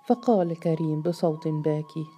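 A woman reading a novel aloud as narrator in a measured, dramatic style. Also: deep voice, warm tone, faint music behind. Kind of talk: scripted audiobook narration.

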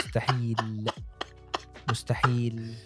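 A man's voice: medium pitch, monotone, slow, fairly bright tone, faint music behind. A man with an Egyptian accent in casual comic chat, with a teasing, mock-aggrieved way of talking.

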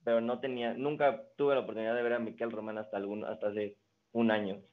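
A man's voice: lowish voice, fast talker. Young man chatting over a tinny line. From Mexico. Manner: relaxed storytelling with many restarts. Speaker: guest, card designer and magician. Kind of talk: casual interview chat. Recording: phone-like narrow band.

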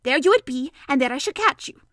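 A woman acts out a small, excitable male piglet in a children's storybook. The voice is very high and eager, with a brisk, questioning insistence. It sounds close and dry. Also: no echo. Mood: earnest, insistent.

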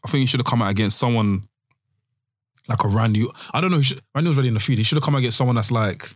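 A man's voice: mid-range voice, rapid-fire, no room sound, studio quality. A man with a London roadman accent in casual chat, using slang and insistently repeating himself.

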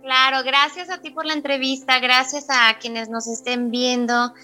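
Young woman from northern Mexico, guest actress, encouraging and direct, bright and a little high. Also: steady tone, unhurried, soft background music. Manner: encouraging, direct advice to listeners. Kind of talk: casual video-call interview.

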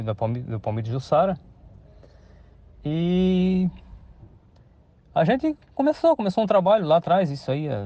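Speaking in a mid-range voice with a dark tone, this interviewee, a Santa Catarina farmer in his fifties, gives a casual account of his life. He hesitates, keeps restarting, and leans on tag questions, all captured in dull, lo-fi radio sound.

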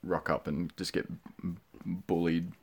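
Deep-voiced young man podcasting from a closet. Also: level tone, a little slow. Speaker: podcast co-host. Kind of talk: casual banter. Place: recording inside a closet.

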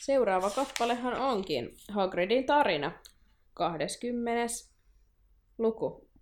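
A young woman co-hosting a casual podcast, recapping a book chapter with animated, laughing, exaggerated despair. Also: a little high, a little hiss or hum. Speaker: podcast co-host.

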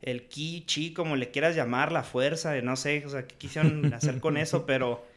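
This podcast co-host has a slightly high voice, fairly even intonation and a moderate pace. Speaking with a Mexican Spanish accent, he reviews a film frankly and in slang, laughing a lot throughout the casual conversation.

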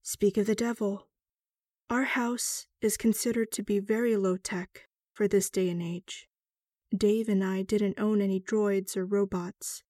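A woman plays a weary suburban wife telling her own story in an audio drama. She is slow, mellow and wry, recorded dry with music behind. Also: medium pitch, steady tone, dry recording, natural voice. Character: weary middle-aged suburban wife narrating her ordeal. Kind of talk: first-person scripted audio drama narration.

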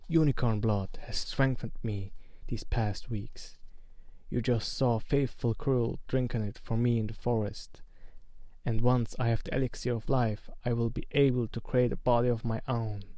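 A man reading aloud and voicing an evil, disembodied male dark wizard who hisses in a slow, soft, menacing whisper. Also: medium pitch, steady tone, no echo, close to an everyday voice. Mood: cold. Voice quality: hissing, whispery.

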